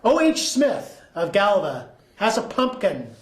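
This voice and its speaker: A folksy man reads old newspaper items with a joking, easygoing delivery. His voice sits high for a man. The room around him has a noticeable echo. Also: huge pitch swings, takes it slowly. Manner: folksy, jokey, acts out quotes. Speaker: co-host. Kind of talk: reading old news with banter. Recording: echoey room.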